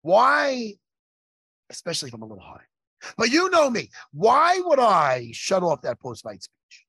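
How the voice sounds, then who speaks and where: A man hosts a loose, profane chat, telling stories at a lively clip. His voice sits high and swings widely, with a gravelly, husky edge. The sound is close and dry. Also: unhurried, dry recording. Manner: animated, profane, laughing storyteller. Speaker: podcast host. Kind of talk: casual chat.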